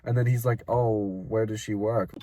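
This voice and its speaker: A man's voice: on the low side, fairly even intonation, normal speed, dark tone. Young man swapping work stories. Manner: laughs often, swears, mocks customers. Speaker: podcast co-host. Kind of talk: casual storytelling chat.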